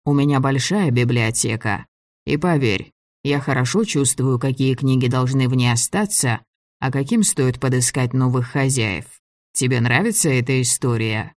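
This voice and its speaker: A relaxed, fatherly older man who speaks slowly and teases kindly, read by a man near his own voice. He sits at a middle pitch. The recording is close and dry. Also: dry recording, lightly acted. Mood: calm.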